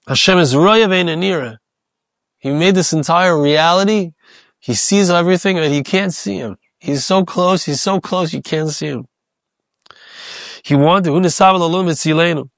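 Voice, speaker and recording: Man with a fairly high voice, giving a sermon. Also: normal speed, gravelly, a bit bright, dry recording, studio quality. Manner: reflective, repeats key phrases. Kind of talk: Torah sermon.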